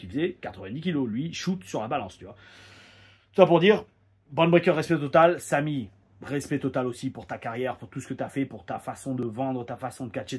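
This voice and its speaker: A man and former pro wrestler, chatting casually in an animated storytelling way as he reviews a show, often repeating words as he goes. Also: mid-range voice, slightly rough. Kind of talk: casual anecdotal monologue.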